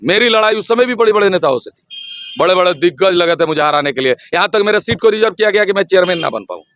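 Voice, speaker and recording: A man speaks in a notably high voice during a heated campaign interview. He is forceful and rhetorical, circling back to the same slogans with rising insistence. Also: animated, fast talker, no echo. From Siwan district, Bihar, India. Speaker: local election candidate.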